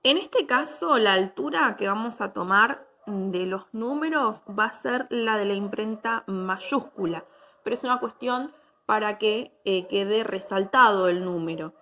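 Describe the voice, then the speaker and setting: A woman's voice: mid-range voice, a little slow, bright, forceful tone. A woman, giving a patient step-by-step technical drawing lesson and checking in with her students after each step.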